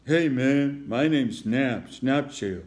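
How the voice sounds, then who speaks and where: A man's voice: mid-range voice, animated, moderate pace, a little mellow, lightly acted. Storybook turtle kid, surfer drawl, laid-back, read by a man.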